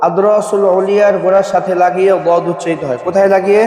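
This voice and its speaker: A man teaching Quran recitation, running a call-and-response pronunciation drill and coaxing his students to answer louder. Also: sits high, flat delivery, quick pace, noisy background. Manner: repeats questions and coaxes students to answer louder. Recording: echoey hall.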